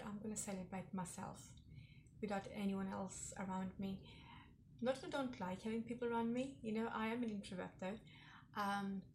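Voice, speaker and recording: A woman's voice: medium pitch, vocal fry, slight background noise. A woman in her forties hosting her own vlog, telling personal stories in a reflective, chatty way with lots of fillers. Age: 40s. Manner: reflective, warm storytelling with frequent fillers. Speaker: vlog host.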